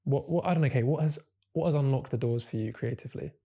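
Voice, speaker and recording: A young host with a gravelly, creaky edge and a mellow, dark tone, asking long, looping questions in a relaxed interview. His questions ramble and restart as he works toward the point. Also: mid-range voice, fast talker. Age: 20s. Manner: rambling, self-correcting questions. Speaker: podcast host. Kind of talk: casual interview chat.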